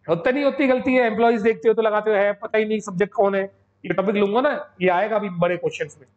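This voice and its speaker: A high-voiced man teaches English grammar in a chatty, scolding way and often acts out his students. The recording is dull and lo-fi. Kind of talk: coaching lecture.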